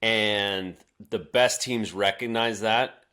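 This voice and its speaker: Man, very low voice, measured sports-podcast analyst who repeats words. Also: fairly even intonation, bright, forceful tone, smooth. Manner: measured, repeats words while building a point. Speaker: podcast co-host. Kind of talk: casual sports talk.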